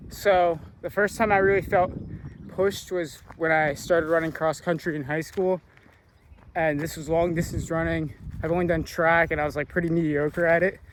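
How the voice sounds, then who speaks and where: A man's voice: a little high, normal speed. Breathless young man vlogging outdoors. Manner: relaxed and rambling, many "like" fillers. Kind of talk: casual vlog talk to camera. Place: outdoors on a long road. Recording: faint outdoor noise. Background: passing cars and outdoor ambience.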